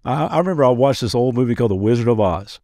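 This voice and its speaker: A man's voice: mid-range voice, animated, rapid-fire, a little mellow, dry recording, clean studio sound. A man pastor giving a daily devotional podcast talk in an earnest, conversational way, with playful asides.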